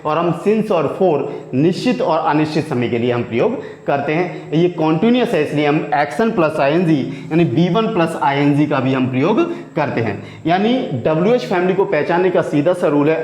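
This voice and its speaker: A man's voice: a little high, reverberant. A man teaching English grammar in Hindi, explaining step by step and asking himself rhetorical questions along the way. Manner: keeps asking rhetorical questions, repeats key words.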